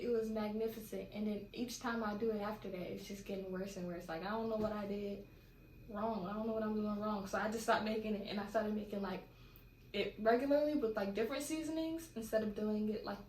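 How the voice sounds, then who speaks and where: A young vlogger from California casually rambles through a home Q&A in a steady, brisk, mid-range voice with a darkish tone. Echo and faint background noise color the recording.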